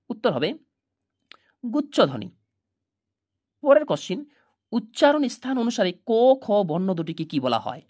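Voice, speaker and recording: A woman teaches through a run of exam questions, her pitch rising sharply each time she announces the next one. Her voice moves in a lively, animated way. The recording is dry, with no room sound. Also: dry recording. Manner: rising emphatic pitch on each new question, drilling answers. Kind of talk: exam question-and-answer lesson.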